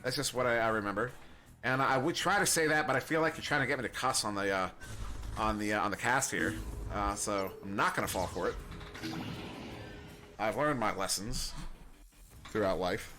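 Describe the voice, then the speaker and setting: Bright-voiced American man casting esports. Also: mid-range voice. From United States. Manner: rambling, self-deprecating, chuckles often. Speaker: esports caster. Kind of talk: play-by-play commentary.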